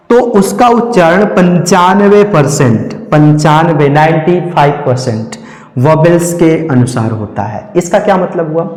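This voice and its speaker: A male English teacher, slowly explaining pronunciation rules and repeating each word several times. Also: a little high, a little mellow. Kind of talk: classroom lesson on pronunciation. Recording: echoey room with long reverb.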